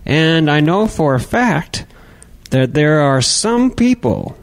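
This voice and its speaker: A man's voice: on the high side, big pitch swings, slow pace. A young man hosting a casual comedy podcast into a studio microphone, rambling and joking with mock exasperation. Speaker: podcast host.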